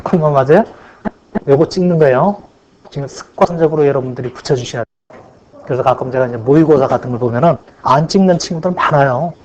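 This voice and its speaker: A man's voice: on the high side, darkish tone, a little hiss or hum. A man teaching an accounting class, asking the class questions and answering them himself, stretching out the key points. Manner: drawn-out stress on key points. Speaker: accounting lecturer. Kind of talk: classroom lecture. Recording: dull lo-fi lecture recording.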